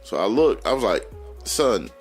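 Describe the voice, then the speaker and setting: Animated Southern man telling stories. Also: mid-range voice, moderate pace, faint music behind. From North Carolina, US. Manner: animated, laughing storyteller who acts out his sons' lines. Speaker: podcast co-host. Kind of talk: casual storytelling chat.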